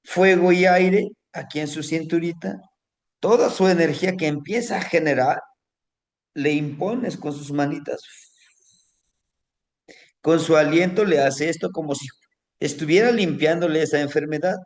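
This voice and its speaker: A man's voice: a little high, moderate pace, pauses often. A man telling a folk tale orally, rambling, with tag questions and lots of diminutives. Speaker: storyteller. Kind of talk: oral folk storytelling.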